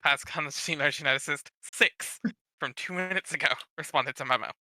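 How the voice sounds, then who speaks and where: Guy leading a group read, very sharp bright voice, higher pitched, dry sound. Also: moderate pace, dry recording. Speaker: session leader and narrator. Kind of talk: casual banter and reading aloud.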